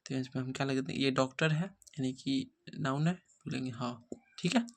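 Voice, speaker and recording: A man with a medium-pitched voice and moderate pace teaches an English grammar lesson. He keeps repeating rhetorical questions and frequently checks whether his students are following.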